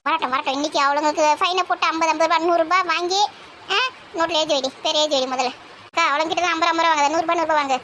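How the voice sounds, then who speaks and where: A woman, grumbling and gossiping loudly in a comic village sketch. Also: very high-pitched, steady tone, very fast, a little hiss or hum. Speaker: comedy sketch performer.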